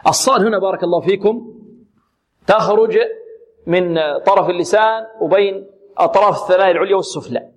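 A man teaching Quran recitation, patiently repeating syllables slowly and asking and answering his own questions. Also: sits high. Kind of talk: tajweed lesson with recited examples.

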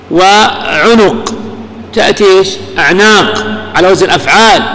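A man teaching grammar in a recorded lecture. He keeps asking listeners rhetorical questions and recites verses slowly. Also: high-pitched, a bit bright. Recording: lecture hall with long reverb.

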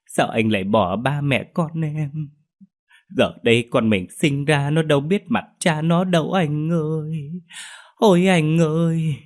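A man's voice: fairly high pitch, pitched above the performer's own voice, lightly acted. A man doing a wailing young widow. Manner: wailing, drawn-out lament. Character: grieving young widow, wailing, feigning sorrow. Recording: faint music behind.

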